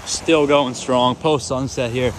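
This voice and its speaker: A man filming himself surf fishing on an ocean beach at dusk, talking casually and excitedly into a camera mic. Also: medium pitch, takes it slowly. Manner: excited, casual, says "dude" often. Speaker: fishing vlogger. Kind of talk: casual on-the-spot commentary. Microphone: GoPro camera mic. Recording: loud surf noise outdoors. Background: crashing surf and waves.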